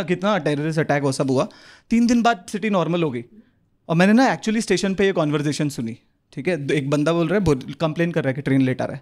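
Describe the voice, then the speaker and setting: A young man with a Mumbai Hindi accent doing an animated stand-up set on a club stage, swinging his voice into quick street characters. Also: a little high. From India. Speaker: stand-up comedian. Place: comedy club stage with live audience. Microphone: handheld stage mic. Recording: live club recording with audience laughter.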